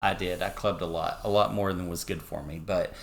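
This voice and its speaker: A man's voice: low voice, steady tone, fairly quick, vocal fry, slight background noise. A man with a Texan accent in casual reaction chat, musing and conversational. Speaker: reaction show host.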